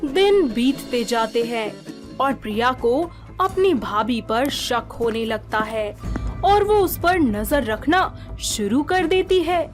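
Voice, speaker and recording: Slow, measured woman narrator. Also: a little high, lively intonation. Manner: measured storytelling. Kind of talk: scripted story narration. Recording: music playing under the narration.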